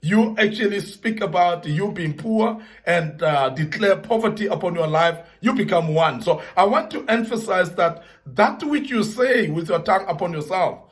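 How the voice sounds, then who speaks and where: High-pitched guy giving an earnest pep talk to young men, repeats stuff for emphasis. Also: lively intonation, moderate pace, few pauses. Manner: earnest, repetitive emphasis, Bible references. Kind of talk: motivational talk.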